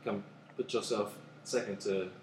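A man with a Bay Area accent, a rapper talking casually in an interview, laid-back and rambling, often trailing off quietly. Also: fairly low pitch, steady tone, measured pace, echoey room, slight background noise. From Oakland, California. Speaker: guest rapper.

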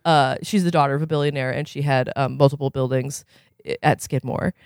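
A man reads a novel aloud on a podcast in an expressive, measured voice, now and then slipping into chatty asides. His pitch sits in the middle of the range. The sound is close and dry, with no room echo. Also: clean tone. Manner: expressive reading, breaks off to chat with fillers. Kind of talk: reading aloud with casual chat asides.

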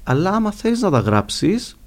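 A man's voice: high voice, very animated. Man with a Cypriot Greek accent, explaining. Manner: explanatory, illustrates points with examples. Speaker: guest linguist. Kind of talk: conversational explanation in a podcast interview.

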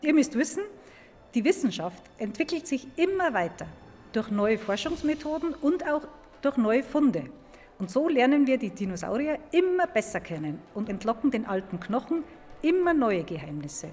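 She speaks at a normal speed in a fairly high, slightly mellow voice that swings widely in pitch. A guest expert and museum paleontologist, she explains science to children informally and emphatically inside a large, reverberant museum hall.

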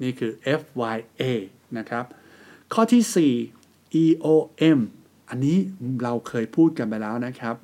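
A man hosting a podcast, teaching in a measured, polite way and spelling out English letters slowly. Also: mid-range voice, a little mellow. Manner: polite, measured, often ending phrases with a polite particle. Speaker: podcast host. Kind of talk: scripted explainer on email writing.

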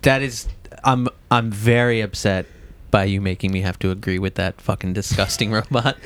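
A man's voice: on the low side, fairly even intonation, normal speed, a bit bright. A man co-hosting a comedy podcast, exasperated as he tries to keep the show moving. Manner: exasperated, trying to move the show along. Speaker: podcast co-host. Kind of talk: comedic banter.

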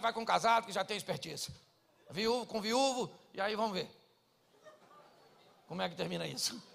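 Brazilian male pastor, 40s, raised pitch with a rough fry, comedic preacher who acts out characters. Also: sharp tone, long reverb tail. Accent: Brazilian Portuguese. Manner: joking, acts out quoted people in dialogue. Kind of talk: humorous sermon.

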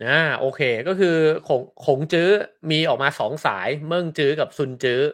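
A man's voice: on the high side, normal speed, a bit bright. A man hosting a casual talk, recapping points and checking that he has understood. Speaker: host. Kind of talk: casual podcast chat.

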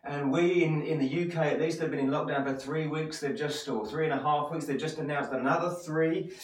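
A man's voice: fairly high pitch, a little fast. A man from Essex with an Essex accent giving an encouraging motivational sermon as a pastor, speaking straight to listeners with rhetorical questions and repeated phrases. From Essex, England. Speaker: church pastor. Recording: echoey room, distant microphone.

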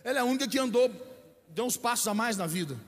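A man's voice: very high-pitched, fast talker. A man preaching a sermon as a bishop, telling stories and acting out the people in them. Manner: animated, acts out dialogue in quoted voices. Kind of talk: sermon with storytelling. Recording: long hall reverb, faint music behind.

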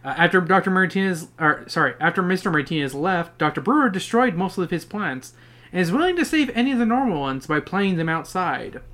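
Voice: medium pitch, expressive, a little fast, a bit bright. A podcast co-host reading a kids' book aloud and chatting, swearing casually and correcting themself mid-sentence.

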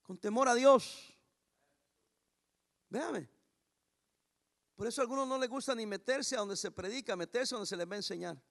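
A man preaching a sermon as pastor, emphatic and raising his voice, reading scripture slowly and deliberately. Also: very high-pitched, gravelly, fairly bright tone.

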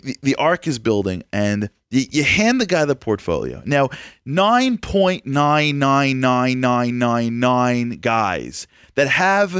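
Lively man interviewing, dry close sound. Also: mid-range voice, no room sound. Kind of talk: interview conversation.

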